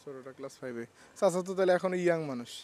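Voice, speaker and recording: A man from Rangpur with a Rangpur Bengali accent, running a quick, teasing casual street interview outdoors. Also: a little high, a little mellow, a little hiss or hum. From Rangpur, Bangladesh. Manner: quick, teasing, laughs often.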